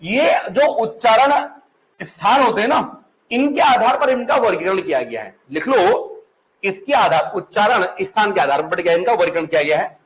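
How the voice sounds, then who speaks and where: The teacher, a man with a Pahari-influenced Hindi accent, lectures his class at a moderate pace in an animated, high-pitched voice. Patient and chatty, he frequently repeats questions to the students and confirms they're following. The recording is rough.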